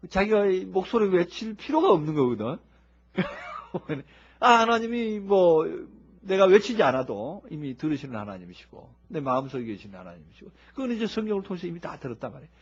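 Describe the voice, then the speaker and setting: A man preaching a sermon in a lively, humorous way, acting out people who shout as they pray. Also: high-pitched, brisk, slightly rough. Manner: animated, humorous, acts out shouting worshippers. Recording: dull lo-fi recording.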